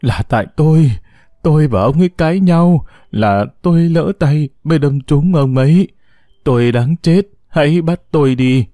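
A man's voice: fairly high pitch, normal speed, dry recording, clean studio sound, pitched above the performer's own voice, natural voice. A man voicing a frantic old grandmother. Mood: pleading. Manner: broken, shouting speech. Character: furious, desperate old grandmother.

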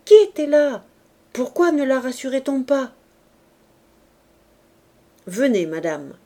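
Woman audiobook reader, slow, measured, mellow tone, novel narration. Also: mid-range voice.

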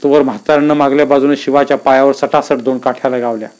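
A man reading a story aloud in a calm, measured, descriptive way. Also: medium pitch, faint music behind.

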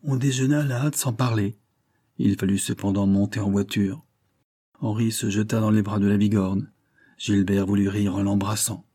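A man reading a classic novel aloud in steady, measured narration. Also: lowish voice. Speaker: audiobook narrator.

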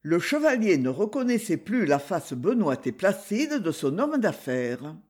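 A man narrating an adventure novel as an audiobook, reading in a dramatic, animated manner. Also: high voice, a little slow, husky.

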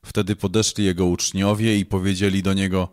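A man with a fairly low voice reads scripture aloud. His delivery is measured and solemn, every verse paced as a formal reading. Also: level tone, a little mellow, clear, resonant tone. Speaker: scripture reader.

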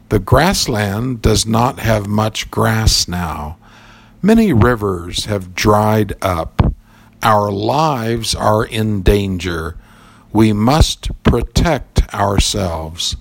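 A man's voice: lowish voice, creaky, heavily acted. A man voicing a worried bee who gives an earnest warning in a storybook reading. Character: worried male bee of the grassland.

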